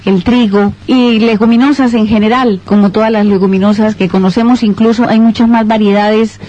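A woman's voice: fairly high pitch, steady tone, normal speed, warm tone. A woman, a radio guest explaining her country and listing foods one by one. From Colombia. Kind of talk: radio interview. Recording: dull lo-fi radio sound.

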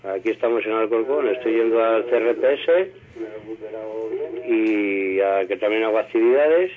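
A man's voice: lowish voice, unhurried. A man calling in to a radio show over the phone, chatting casually and hesitantly, with many fillers. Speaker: radio caller. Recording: tinny phone line with crowd noise behind.

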